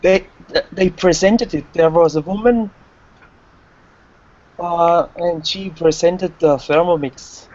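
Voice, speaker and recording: A man learning English who talks in a halting way and searches for words while telling a story. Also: on the high side, darkish tone, lo-fi sound. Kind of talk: casual class chat.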